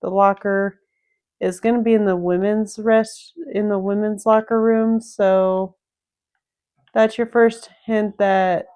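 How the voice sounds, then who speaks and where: A woman's voice: mid-range voice, level tone, slow pace, a little mellow. A woman casually talking through a video game, explaining each step and thinking aloud as she plays. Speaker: gameplay commentator. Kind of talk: casual game walkthrough commentary.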